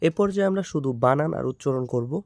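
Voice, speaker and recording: A Bangladeshi man teaching Quran reading, spelling out letters and vowel marks and repeating each word slowly in drills. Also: fairly high pitch, darkish tone, no echo, studio quality. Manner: slow, drawn-out drilling with repeated syllables.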